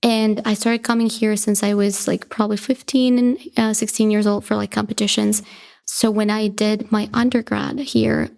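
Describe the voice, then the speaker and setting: A Bolivian woman in her twenties whose native language is Russian speaks reflectively as a guest in a casual conversational interview, leaning heavily on "like" and "you know" and laughing lightly. Her medium-pitched voice is gravelly and a little mellow, delivered flatly at normal speed.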